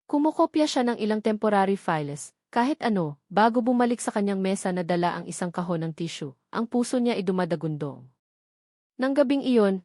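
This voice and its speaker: A woman reads a scripted romance as a dramatic narrator, her Filipino accent coloring a medium-pitched, slightly mellow voice. It's studio quality, free of room sound.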